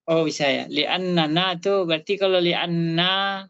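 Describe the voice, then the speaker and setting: A woman student reading and translating a text aloud on an online call, slow and halting, with many fillers and self-corrections. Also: on the low side, steady tone, a bit bright, clean tone, lo-fi sound. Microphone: online video call.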